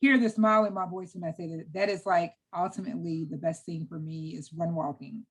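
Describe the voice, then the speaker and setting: A woman's voice: fairly low pitch, fairly even intonation, fairly quick. A middle-aged woman from the United States chatting as an interview guest, enthusiastic and talkative, repeating words when she gets going. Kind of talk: casual interview chat.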